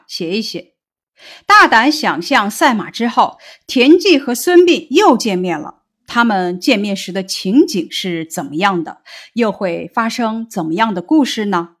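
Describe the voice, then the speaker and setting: A woman teacher reading a Chinese lesson text aloud in a steady, clear voice. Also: on the high side.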